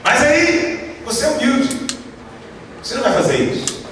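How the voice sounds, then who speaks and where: A man's voice: very high voice, expressive, normal speed, fairly bright tone. A man with a Brazilian Portuguese accent preaching a sermon, emphatic and full of rhetorical questions for the congregation. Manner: emphatic, asks the audience many rhetorical questions. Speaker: pastor. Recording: echoey hall from far off with background noise.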